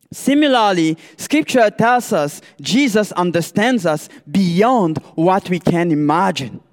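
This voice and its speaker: A man delivers a sermon at an unhurried, measured pace, pausing to pose rhetorical questions to his listeners. His voice sits notably high for a man, and it rings out with the long reverb of a church hall. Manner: slow, deliberate preaching with rhetorical questions. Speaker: pastoral candidate preaching.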